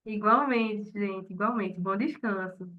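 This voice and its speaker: A woman teacher closing an online class, speaking softly and in a friendly way because she has a cold. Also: medium pitch, a little slow, narrow, tinny audio.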